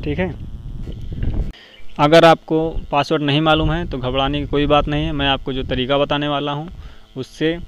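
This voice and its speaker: Flat-voiced man explaining phone steps. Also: on the high side. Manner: steady step-by-step explaining with frequent "theek hai" check-ins. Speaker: tech tutorial host. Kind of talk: screen-recorded phone tutorial. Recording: dull lo-fi voice-over with faint noise.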